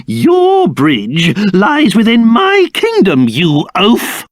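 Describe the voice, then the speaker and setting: A man voicing a pompous, excitable old cursed king in a video game, with a British accent and old-fashioned, theatrical speech. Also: sits high, very slow, dry recording, clean studio sound, full character voice. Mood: haughty, outraged. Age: older. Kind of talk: video game character voice acting.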